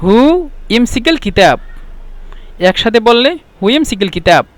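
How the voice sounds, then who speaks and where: High-voiced man teaching Arabic phrases. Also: big pitch swings, no echo. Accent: Bangladeshi Bengali. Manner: repeats phrases slowly word by word, then explains. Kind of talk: language lesson explaining and repeating phrases.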